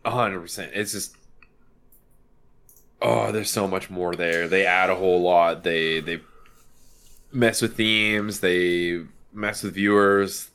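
A man with a very low voice co-hosting a casual podcast. He gushes and repeats himself for emphasis when he wraps things up. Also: steady tone, slow pace, pauses often, fairly bright tone, clean tone. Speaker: podcast co-host. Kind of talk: casual chat.

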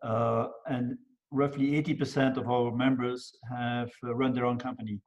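An older man talks in a measured, unhurried way as a guest mentor, laying out his points one by one. His voice sits at an ordinary pitch for a man. The sound is dull and lo-fi. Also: level tone, darkish tone. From Belgium. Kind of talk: casual interview talk.

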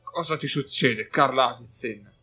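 A man's voice: medium pitch, measured pace, pushed and bright. A man voicing a suspicious male warrior who questions and mutters, with faint music behind. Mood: probing.

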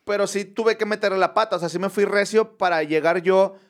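Man, podcast host, storytelling, slangy, high voice. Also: a little fast. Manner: animated, crude slang, acts out quotes. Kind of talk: casual chat, storytelling.

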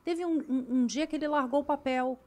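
A woman, a guest actress, telling animated stories in a casual chat. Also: sits high, fairly quick. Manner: chatty, animated storyteller.

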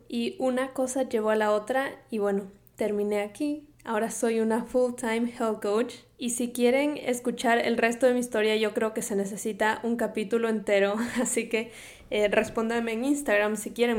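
In her solo podcast, a young health coach from Quito speaks with an Ecuadorian accent in a medium-pitched, somewhat dark voice. She's chatty and upbeat, laughs a lot, and drops English words into her Spanish.

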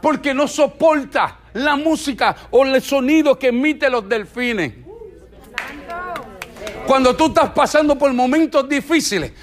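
A middle-aged man, preaching in a playful, animated and exhorting way at church. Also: extremely high pitch, unhurried. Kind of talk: church teaching talk.

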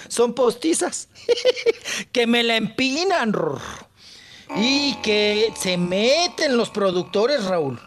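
A man's voice: very high voice, sing-song, very slow, a bit bright, slight background noise. A man with a Mexican accent who is a regular on a radio show, telling gossip in a flamboyant, teasing way. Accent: Mexican Spanish. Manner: flamboyant and teasing, calls others "chiquito". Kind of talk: comic gossip chat on radio.

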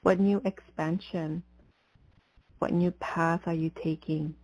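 A woman guiding a breathing meditation as a spiritual coach, in a soothing mystical healer manner with deliberate pauses. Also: fairly low pitch, fairly even intonation, darkish tone, slightly rough, dry recording. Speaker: podcast host and spiritual coach. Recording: slightly dull, muffled lo-fi audio.

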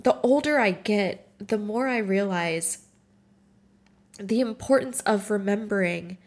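Tearful woman in her twenties, halting. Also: mid-range voice. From Morocco. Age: 20s. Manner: halting and emotional, with frequent restarts. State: tearful and tired. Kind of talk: personal reflection, reading her own writing aloud.

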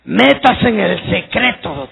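A man preaching fervently to his congregation, raising his voice to shouts and speaking to them directly. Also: sits high, very animated, slow pace, vocal fry, a crowd in the background. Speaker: pastor. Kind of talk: sermon. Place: church hall. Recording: dull lo-fi recording in echoing hall.

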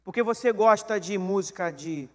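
A man with a Brazilian Portuguese accent, a pastor giving a joking, animated sermon full of questions to the congregation. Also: sits high, moderate pace, in a large hall.

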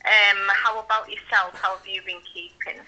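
A woman's voice: mid-range voice, flat delivery, moderate pace, sharp tone, lo-fi sound. A middle-aged woman heard over a speakerphone call, chatting in a polite, rather formal way. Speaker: guest on a phone call. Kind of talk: casual chat.

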